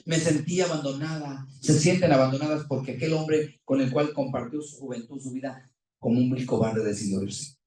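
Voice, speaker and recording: A man delivers a sermon with fervor, his voice rising sharply and then dropping low as he puts question after question to his listeners. He is heard from some distance. The room rings with a strong echo. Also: normal speed, mellow. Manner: impassioned, rising and falling, rhetorical questions. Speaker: pastor. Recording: echoey room, voice from far off.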